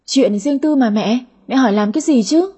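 A woman voicing a greedy, sulky daughter in her thirties with a high, whiny voice in an audio story. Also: lively intonation, normal speed, warm tone, slightly rough. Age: 30s. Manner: whiny, cheeky.

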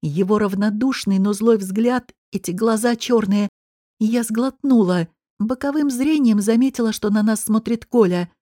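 A woman reading a first-person audiobook in a measured, expressive storytelling manner. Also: a little high, dry recording, studio quality. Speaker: audiobook narrator.

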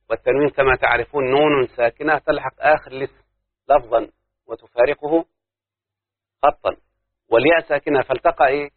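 A man's voice: medium pitch, no room sound. A man with an Egyptian accent teaching a grammar lesson to a class, explaining step by step and putting questions to his students. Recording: tinny phone-like dry recording.

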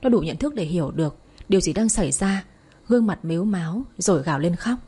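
A woman narrates a story in a soft, even storytelling voice. Her tone is dark and mellow, with a husky edge. She keeps a steady audiobook pace. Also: fairly low pitch, fast talker.

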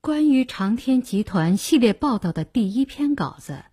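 A woman narrating a novel as an audiobook in a measured, expressive storytelling manner. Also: fairly high pitch, breathy edge.

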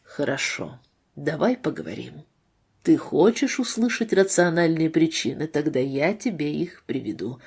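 A woman voicing a bitter, wounded husband with a low, muffled voice in a read-aloud novel. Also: moderate pace, natural voice. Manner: bitter, hushed.

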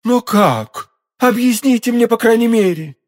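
A man's voice: very high-pitched, expressive, unhurried, voice pushed up. A man reading an audiobook, voicing a frightened proud queen with anxious, pleading outbursts.

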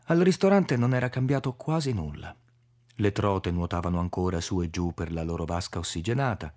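A man narrating a literary audiobook in a measured, expressive reading. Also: sits low. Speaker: audiobook reader.

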